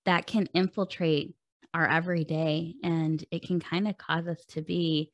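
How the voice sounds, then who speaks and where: Woman podcast host, deep gravelly voice, conversational and affirming. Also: level tone, measured pace, no echo. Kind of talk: interview conversation.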